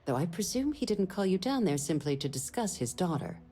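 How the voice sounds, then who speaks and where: An actress playing a stern, secretive middle-aged military official in a video game, speaking in a measured, formal, authoritative way. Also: female voice, lowish voice, big pitch swings, dark tone, soft background music. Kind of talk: video game dialogue acting.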